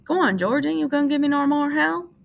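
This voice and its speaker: A woman's voice: sits high, expressive, a little fast, gravelly, slight background noise, voice pushed up. A woman playing a big, simple-minded man who pleads like a child, in a storybook reading. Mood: eager.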